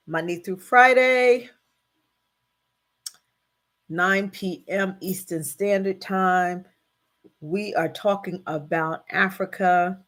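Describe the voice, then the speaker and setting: A middle-aged woman hosting a live stream, chatting casually and greeting viewers by name, with many fillers. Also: fairly low pitch. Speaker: host of a live stream show.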